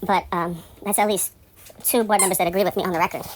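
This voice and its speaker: In a casual, rambling monologue laced with profanity, a woman recounts her grievance fast and with fairly even intonation, except when outrage pushes her voice high and loud. Slight background noise is audible.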